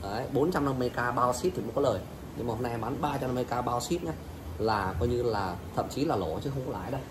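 A man from Vietnam selling plants in an insistent, repetitive hard-sell style, plugging prices over and over. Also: mid-range voice. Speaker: orchid seller. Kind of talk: hard-sell live sales pitch. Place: open-sided plant nursery yard. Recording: noisy outdoor phone-style video, ambient noise.

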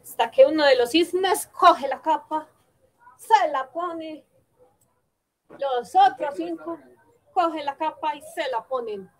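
A woman narrates a fairy tale at a slow, unhurried pace. Her voice sits high. She halts and corrects herself now and then as she tells the story. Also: poor audio. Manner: halting, with frequent self-corrections.

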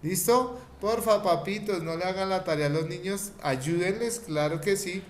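A man's voice: high voice, slight background noise. A man teaching an online class, patiently repeating each step for children. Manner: patient, repeats steps slowly, coaxing.

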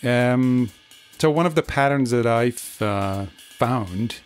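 A man's voice: mid-range voice, takes it slowly, clear, resonant tone, faint music behind. A man hosting a podcast, musing reflectively with fillers as he introduces an interview. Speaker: podcast host.

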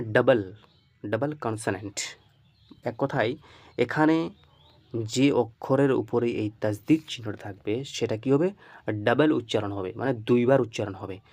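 A man's voice: mid-range voice, darkish tone, no room sound. A man teaching Arabic reading marks. He asks his listeners questions, answers them himself, and keeps checking that they follow. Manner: repeats checks like "okay?" often. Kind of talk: screen-share lesson.

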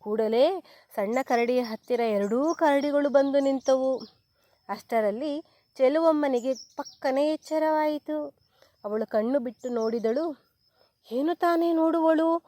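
A woman reading a children's story aloud in a slow, clear, expressive storytelling manner. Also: sits high, no echo.

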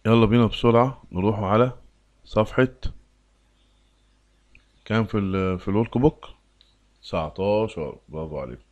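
A man with an Egyptian Arabic accent teaching an English lesson, reading the English slowly and explaining in quick bursts. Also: on the low side, a little mellow, dry recording, dull audio. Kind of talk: recorded lesson for a workbook.

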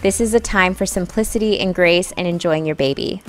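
A woman's voice: on the low side, brisk, faint music behind. A young woman narrating her home cleaning vlog as a voice-over, talking to viewers in a friendly, direct way. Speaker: vlogger.

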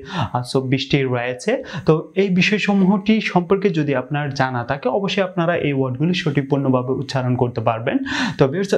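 Bangladeshi guy teaching pronunciation, pausy and slow, says each word over and over. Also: medium pitch, a little mellow. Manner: slow, repeats words for drilling, frequent "ah" pauses. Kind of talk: video lesson.

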